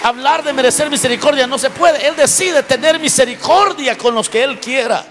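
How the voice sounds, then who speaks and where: A man's voice: extremely high pitch, moderate pace. A man preaching a sermon in an emphatic way, asking his congregation questions as he goes. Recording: long hall reverb with faint music.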